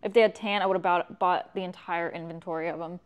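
A woman streamer chatting casually with her viewers while building something, swearing freely and reacting out loud. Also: fairly low pitch, steady tone, fast, smooth. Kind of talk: casual livestream chat.

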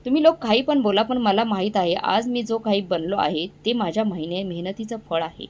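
A woman's voice: medium pitch, normal speed, darkish tone, close to an everyday voice. Give me a young man pleading with his parents, as a woman reads him. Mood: defensive. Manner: pleading, emotional. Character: remorseful grown son, young man.

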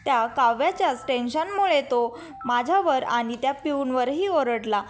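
Young woman, high-pitched voice, serial recap narrator, quotes every character's lines. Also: lively intonation, moderate pace, faint music behind. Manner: retells scenes by quoting each character in her own voice. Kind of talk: storytelling recap with quoted dialogue.

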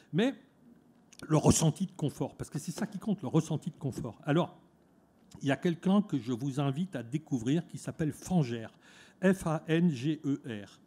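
A man's voice: on the high side, dark tone, slightly rough. A man giving a talk at a fair, speaking conversationally with frequent "hein" tags and restarts. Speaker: lecturer at a trade fair talk. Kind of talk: conference talk. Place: conference room at an eco fair.

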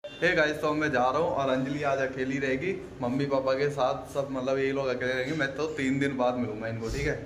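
A man's voice: mid-range voice, fairly even intonation, fairly quick, slight background noise. A young man talking casually to viewers in a selfie vlog, filmed on a phone at arm's length, chatty and often checking in with the audience. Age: young adult. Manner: chatty, keeps asking "theek hai?" to viewers. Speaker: vlogger. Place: indoors at home and outdoors at a college camp. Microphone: phone held at arm's length.

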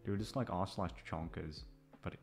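Music plays behind a voice actor in his twenties who chats to listeners in a halting, rambling, self-deprecating way, swearing freely. His voice is low, gravelly and darkish, at a normal speed.

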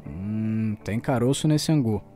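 A Brazilian man performs in an audio drama as a bold, stubborn journalist determined to investigate, speaking insistently and colloquially. His voice is fairly low, warm and natural, a little slow, with soft music behind it.

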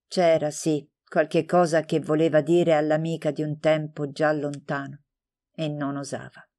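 A woman narrating a novel as an audiobook in a calm, measured, scripted reading. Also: low-pitched.

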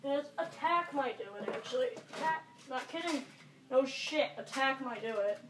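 In a noisy, echoey amateur recording made in a small bedroom on a camera mic, a young teen speaks in a high voice at normal speed. This amateur video maker mutters, swears, and rambles casually through an improvised tutorial vlog.

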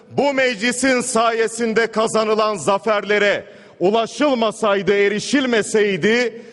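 High-voiced man orating at a rostrum microphone. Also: fairly bright tone. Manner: emphatic, repetitive oratory. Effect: speaking at a rostrum microphone. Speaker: member of parliament. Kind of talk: formal parliamentary speech. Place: large parliament chamber. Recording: long hall reverb.

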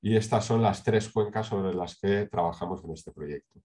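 A middle-aged man from Spain presenting a project over a video call, speaking in a measured way with many hesitations and tag questions. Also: low voice, mellow. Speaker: sustainability consultant presenting a project. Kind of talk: online conference talk with slides. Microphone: webcam on a video call.

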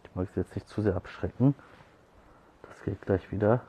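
A man talking casually on a livestream while he feeds and calls to street cats. He scolds one cat loudly and coaxes the others with soft, hushed calls. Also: lowish voice, normal speed, breathy edge. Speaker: street cat caretaker streaming live.

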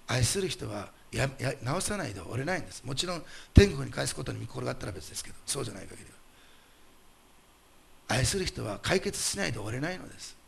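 A male pastor delivering a sermon, emphatic and animated, putting rhetorical questions to the congregation. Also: medium pitch, fast, creaky, slight background noise.

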